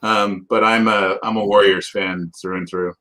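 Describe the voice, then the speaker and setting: A man's voice: lowish voice, flat delivery, moderate pace, pushed and bright, rough recording. A middle-aged man from Canada, answering as a guest expert in a thoughtful, conversational way with frequent restarts.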